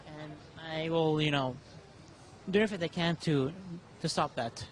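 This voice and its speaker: A man's voice: a little high, moderate pace, a little hiss or hum, low-quality recording. A man giving spontaneous interview answers in an earnest, polite way.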